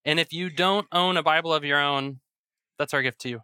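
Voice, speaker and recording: A pastor preaching a sermon at a pulpit microphone in a church, reading scripture and praying in a measured, earnest way. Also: medium pitch, bright, forceful tone, smooth, no echo, clean studio sound. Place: church sanctuary.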